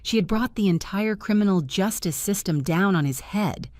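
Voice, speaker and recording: A woman reading a first-person drama story aloud with steady, even storytelling. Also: medium pitch, normal speed, dry recording, clean studio sound. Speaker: narrator.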